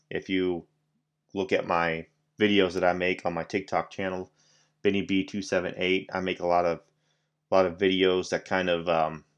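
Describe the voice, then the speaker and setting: A man hosting a solo podcast, rambling casually with lots of fillers, restarts and offhand swearing. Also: low-pitched. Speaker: podcast host.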